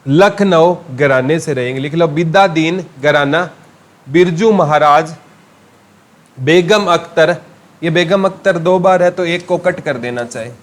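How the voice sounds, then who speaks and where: Haryanvi guy teaching gk, kinda high voice, keeps quizzing students then answering himself. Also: unhurried. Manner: asks questions and answers them himself, calling listeners "beta". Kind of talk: classroom lecture with memory tricks.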